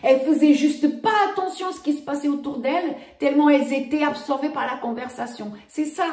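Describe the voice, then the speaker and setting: A woman's voice: high voice, brisk, mellow. A woman, ranting indignantly to her viewers in a casual vlog, often repeating "voilà". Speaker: vlogger. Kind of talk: casual rant to camera. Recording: roomy echo.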